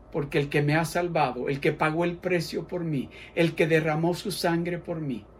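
A male pastor gives an altar-call sermon in a high voice. He speaks at an unhurried pace, drawing out his lines, and he moves between fervent pleading and near-whispered prayer as the listeners repeat after him. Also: a little hiss or hum.

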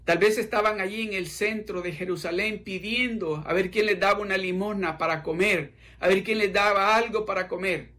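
High, bright-voiced preaching pastor. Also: male voice, steady tone, normal speed, hardly any pauses. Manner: fervent, repetitive preaching. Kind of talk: sermon.

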